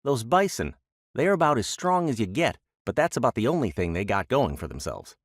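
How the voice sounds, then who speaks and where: A man voicing a boastful, chattering little male trickster rabbit in an animated audiobook tale. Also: medium pitch, brisk, no room sound, studio quality. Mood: cocky, mocking. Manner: cocky, jabbering trickster-tale storytelling.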